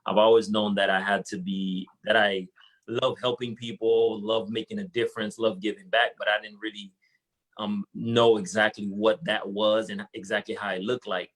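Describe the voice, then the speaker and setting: A man's voice: fairly low pitch, level tone, normal speed, a bit bright, rough recording. A young man from Haiti, a guest entrepreneur, talking casually and earnestly with many fillers and restarts in an interview. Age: young adult.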